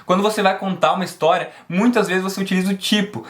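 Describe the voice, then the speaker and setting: A man teaching an online English lesson. He explains things patiently, often checks in with "ok?", and slows right down to model English pronunciation. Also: high-pitched, steady tone. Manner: switches to slow, drawn-out English for pronunciation demos.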